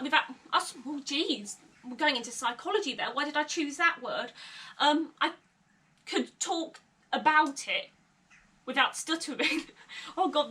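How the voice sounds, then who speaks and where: This confessional vlog comes from a young adult woman in her bedroom, whose high voice is bright and forceful. Nervous laughs and an occasional stutter punctuate her candid talk, captured by a slightly distant camera mic nearby.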